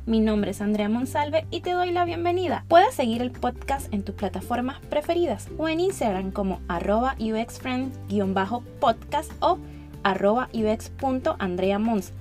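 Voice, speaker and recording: A woman with a fairly high voice reads a scripted podcast introduction. She delivers it in a measured, announcing style, with soft music playing behind her. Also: expressive. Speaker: podcast host. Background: faint music.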